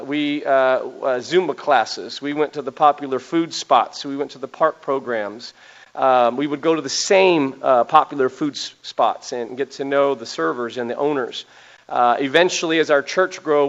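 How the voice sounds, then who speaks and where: A man speaking as a pastor and church planter, giving an earnest conversational talk full of personal stories and frequent "uh" pauses. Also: mid-range voice. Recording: dull lo-fi recording.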